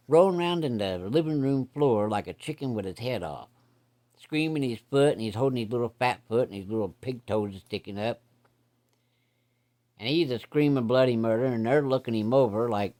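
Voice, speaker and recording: A man's voice: fairly low pitch, a little mellow. A middle-aged man telling a childhood story in a casual, plainspoken way, using folksy rural grammar.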